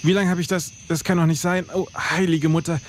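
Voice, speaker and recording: An actor playing a flustered, devout soldier in an audio drama, stammering and breathless with fright. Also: male voice, on the high side, steady tone, brisk, slight background noise, close to an everyday voice. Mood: flustered panic. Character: flustered, devout young-sounding soldier, bumbling and easily frightened.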